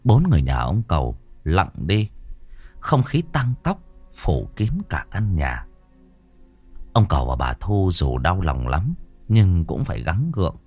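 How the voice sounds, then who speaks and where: A man narrating a ghost story in a measured, expressive storytelling manner. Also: sits low, husky, soft background music.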